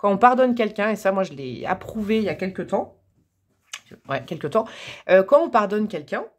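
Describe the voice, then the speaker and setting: A woman's voice: medium pitch, very animated, normal speed. A woman giving a casual tarot reading, talking to her viewers in a chatty, playful way. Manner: chatty and playful, joking and laughing at herself; talks straight to viewers, coaxing and encouraging. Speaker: tarot card reader.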